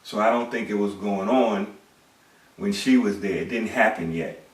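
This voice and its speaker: A man's voice: fairly low pitch, normal speed, distant mic. A middle-aged man delivering an emphatic monologue lecture, posing rhetorical questions and repeating words. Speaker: commentator. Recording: echoey room, away from the mic.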